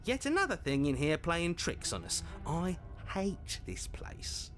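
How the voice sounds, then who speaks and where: An actor playing an anxious, bitter, paranoid inner voice in a video game, agitated and complaining. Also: male voice, fairly high pitch, very animated, normal speed, fairly bright tone, soft background music. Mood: miserable, irritated. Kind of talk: video game character acting.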